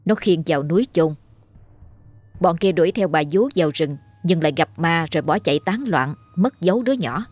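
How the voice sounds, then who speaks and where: Low-voiced woman narrating a ghost story. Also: animated, fairly quick, a little mellow, dry recording. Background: faint music.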